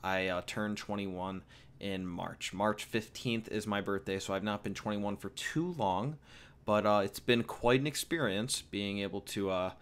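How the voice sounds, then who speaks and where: In this casual Q&A vlog, the 21-year-old from the United States has a fairly low, clear and resonant voice and speaks a little slowly. He fields viewer questions loosely, joking around and rambling with fillers and repeated words.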